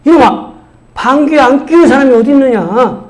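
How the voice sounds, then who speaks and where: An angry old father, as a preacher puts him on, shouting rebukes at his son. The voice is raised and high with a hard scolding bite. A man plays him in a story told from the pulpit. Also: lively intonation, normal speed.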